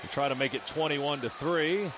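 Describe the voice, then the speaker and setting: An American man works as a radio play-by-play announcer, delivering a football touchdown call. His voice sits a little high, and he describes each play in short running phrases. Heavy stadium noise fills the background. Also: normal speed. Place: open stadium broadcast booth. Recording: loud stadium noise behind broadcast voice. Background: loud stadium ambience.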